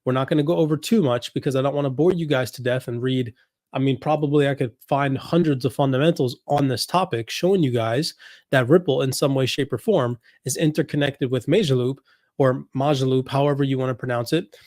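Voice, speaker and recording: A man's voice: medium pitch, a little fast, a little mellow, dry recording, studio quality. A man hosting a finance commentary video, scrolling through documents on screen, reading passages aloud and stressing the same points again and again. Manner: explains while scrolling, reads passages aloud, repeats points. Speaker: crypto commentary host. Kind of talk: screen-share document walkthrough.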